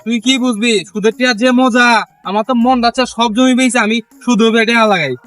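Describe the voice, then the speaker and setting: High-voiced blustering rural Bangladeshi man. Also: fairly even intonation, background noise. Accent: rural Bangladeshi Bengali dialect. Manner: greedy, blustering, fast-talking. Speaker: village moneylender in a comedy skit. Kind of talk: rural comedy skit acting.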